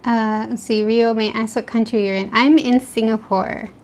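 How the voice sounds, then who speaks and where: Her voice is a little high, with a steady tone and moderate pace. She's an art streamer from the American East Coast with an American accent, chatting casually and answering live chat while she draws at home late at night, laughing often between comments.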